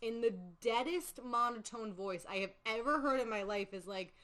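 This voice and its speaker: A young woman hosting a podcast, retelling a film in casual, animated chat with lots of fillers. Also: a little high, moderate pace, low-quality recording. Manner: chatty, animated storytelling with many fillers. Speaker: podcast host. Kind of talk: casual movie recap chat.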